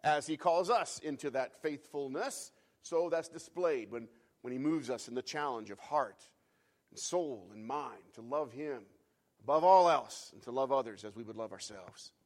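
A man's voice: mid-range voice, expressive, moderate pace. Man preaching with rising fervor. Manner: builds from hushed reflection to fervent, loud climaxes; repeats phrases for emphasis, some restarts and fillers. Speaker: pastor. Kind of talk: sermon.

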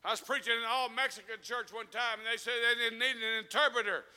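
A man preaching, his voice sitting very high and ringing bright and sharp. He spins folksy, homespun stories and swells into fervent preaching. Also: fairly even intonation, fast, clear, resonant tone. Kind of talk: sermon.

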